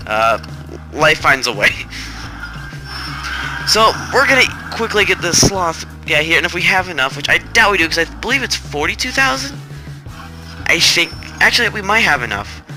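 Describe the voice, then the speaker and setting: A man hosting a gaming channel, rambling and correcting himself in a flat, robotic-sounding delivery while he sounds stressed. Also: fairly high pitch. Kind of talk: casual gameplay commentary. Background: game music.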